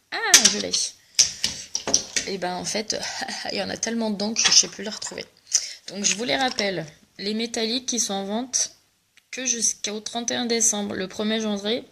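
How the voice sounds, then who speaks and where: A woman's voice: medium pitch, gravelly, heavy background noise. Chatty French woman with a cough. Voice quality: joking, self-mocking, chatty. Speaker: makeup vlogger selling cosmetics. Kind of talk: casual makeup tutorial chat.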